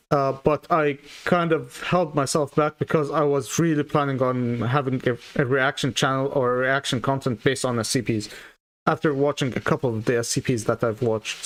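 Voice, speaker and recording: A male streamer talks casually to his live audience in a mid-pitched voice. He rambles in a halting way and often circles back to repeat his words. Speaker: streamer reacting to videos.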